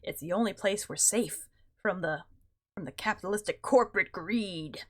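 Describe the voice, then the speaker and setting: A woman reading as hushed secretive rebel man. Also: medium pitch, moderate pace, voice pushed down, close to an everyday voice. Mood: hushed formal. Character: calm secretive man, underground workers' rebel.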